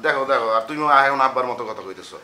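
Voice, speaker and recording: A lovesick young son, fast-talking. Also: male voice, mid-range voice, pushed and bright, echoey room. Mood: pleading. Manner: pleading, defensive. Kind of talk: comedy TV drama acting.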